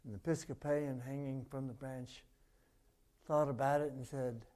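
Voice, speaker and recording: A man's voice: medium pitch, steady tone, normal speed, darkish tone. A man and military veteran telling a joke and a story at a forum, in a folksy way with frequent hesitations. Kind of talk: storytelling talk with jokes.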